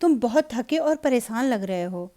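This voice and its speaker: A woman's voice: fairly high pitch, lively intonation, normal speed, dark tone, natural voice. A woman voicing an anxious, insistent young married woman in a Hindi storybook reading. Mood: worried.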